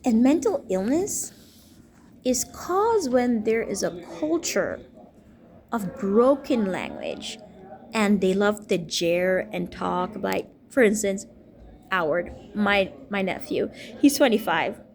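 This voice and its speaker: A woman's voice: mid-range voice, very animated, slow, a little mellow. A woman in her thirties from Jamaica, a teacher and minister, talking in a rambling personal monologue. She speaks emphatically and repeats herself. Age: 30s. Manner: emphatic, repetitive, stream-of-consciousness.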